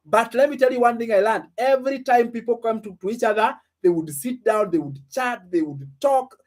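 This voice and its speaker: A man's voice: very high-pitched, fairly quick, darkish tone. A man in his late twenties giving a motivational business lesson, asking his listeners questions and repeating phrases for emphasis. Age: 20s. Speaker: online business coach. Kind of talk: motivational teaching.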